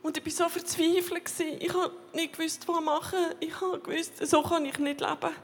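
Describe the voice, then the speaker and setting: A woman with a Swiss German accent giving an emotional personal testimony in a church hall, in halting, fragmented phrases that repeat words. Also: very high-pitched, level tone, slight background noise. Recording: long reverb of a large hall.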